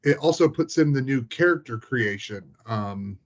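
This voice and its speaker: Animated and at normal speed, a man with a mid-range voice, a hobbyist tabletop game master, chats in a loose, rambling way. He says "like" constantly, and the lo-fi recording is dull.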